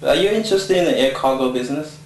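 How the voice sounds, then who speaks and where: An actor playing a brisk, upbeat man who runs a cargo office, recorded in an echoey room with faint music. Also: medium pitch, animated, a little hiss or hum, lightly acted. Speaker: office boss. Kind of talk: low-budget film acting.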